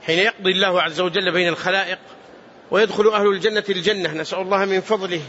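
A man's voice: high voice, steady tone, racing, sharp tone, dull audio, slight background noise. A man teaching hadith in a large mosque, speaking earnestly, repeating phrases and adding prayers. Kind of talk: mosque lesson commentary.

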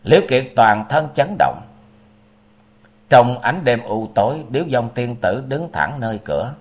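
A man narrating a story in an expressive, dramatic reading. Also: medium pitch, a little slow. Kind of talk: audiobook narration of a martial-arts novel.

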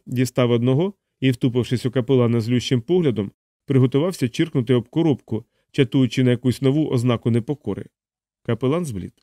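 A man narrating an audiobook with a steady, dramatic reading. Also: mid-range voice, no echo, clean studio sound.

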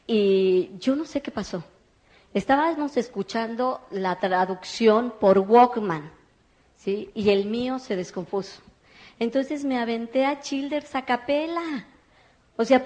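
Lively woman telling a story. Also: a little high. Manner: lively storyteller, acts out quoted voices. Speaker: network marketing speaker. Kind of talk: motivational testimony.

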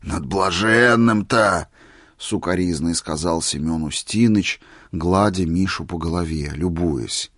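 A man narrating a story aloud in an expressive reading voice. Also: low-pitched, a little slow, slightly rough, no room sound, clean studio sound.

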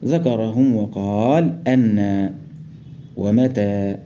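In a dull lo-fi recording with a faint hiss or hum, a man with a fairly low, warm voice and an Egyptian Arabic accent speaks slowly. He teaches Quran recitation rules one step at a time, quizzing students and chanting verses he quotes.

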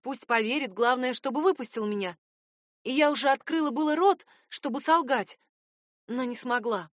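A woman's voice: high-pitched, normal speed, no room sound, studio quality. A woman narrating a first-person audiobook in a tense, dramatic reading.

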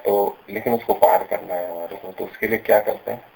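A man teaching pronunciation, explaining patiently and slowing down to stress syllables when he demonstrates. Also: deep voice, very animated, gravelly, a little mellow, rough recording. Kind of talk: explanatory lesson with recited examples.

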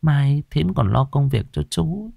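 A man doing a softly soothing older woman. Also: a little high, animated, unhurried, creaky, no room sound, studio quality, voice pushed up, heavily acted. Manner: soft, soothing. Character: older woman gently soothing her sister-in-law.

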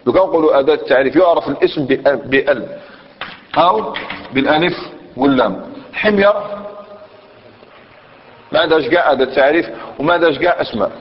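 A man's voice: mid-range voice, fast, pauses often. A man teaching a classroom grammar lesson, explaining step by step, repeating words and checking in with his students. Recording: muffled lecture recording with long hall reverb.

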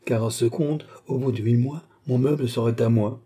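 A man's voice: mid-range voice, fairly even intonation, moderate pace, warm tone, slightly rough, natural voice. A man voicing a haughty proud countess. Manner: imperious, bargaining. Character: haughty proud noble countess, adult woman.

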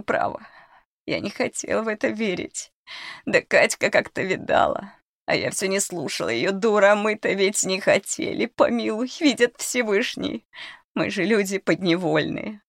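A woman voicing a frightened old female cook in a storybook, with a creaky, pleading voice, pitched well above her own. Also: sing-song, a little slow, no echo, clean studio sound, exaggerated voice.

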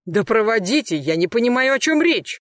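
A reader voicing an agitated male suspect who shouts and protests his innocence under interrogation. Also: medium pitch, sing-song, normal speed, dry recording, clean studio sound, pitched above the performer's own voice. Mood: indignant shouting. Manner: shouting, indignant, defensive. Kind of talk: audiobook character voice.

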